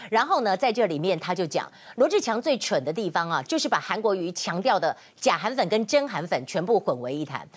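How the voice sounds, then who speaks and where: A woman's voice: medium pitch, big pitch swings, a little fast, hardly any pauses, breathy edge. A woman with a Taiwanese Mandarin accent who gives solo current-affairs commentary. She talks with indignation, fires off rhetorical questions, and drops in Hokkien words. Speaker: political commentator.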